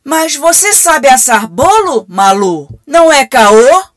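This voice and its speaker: A woman's voice: high voice, sing-song, takes it slowly, no echo, studio quality, exaggerated voice. A Brazilian woman playing a cheeky, slangy AI telemarketing assistant in a comic radio play. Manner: breezy, slangy, scripted assistant patter. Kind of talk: radio comedy sketch acting.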